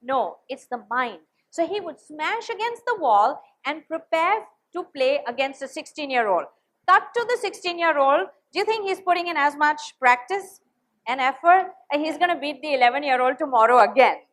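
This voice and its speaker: A woman speaks to an audience as a motivational speaker. She tells stories in a lively way and keeps checking that her listeners follow along. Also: high voice, normal speed, rough recording. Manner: animated storyteller, asks the audience for agreement. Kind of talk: motivational talk to parents.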